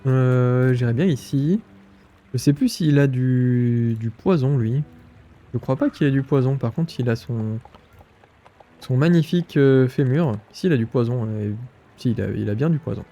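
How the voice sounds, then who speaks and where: A man's voice: mid-range voice, normal speed, dark tone, soft background music. A man with a stuffy nose, thinking aloud with many fillers as he comments on his gameplay. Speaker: gaming streamer.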